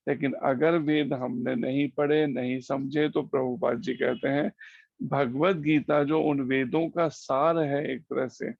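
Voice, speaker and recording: A man giving a slow, explanatory devotional scripture class over an online call, using homely examples. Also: mid-range voice, steady tone, creaky, dry recording, highs cut off. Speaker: preacher.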